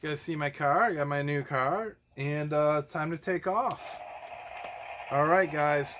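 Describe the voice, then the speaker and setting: Against a noisy background, a man with a fairly high voice speaks at a measured pace. He's hosting a playful children's show as its host and teacher, showing toys in a casual chat that's goofy, theatrical, and full of silly exclamations.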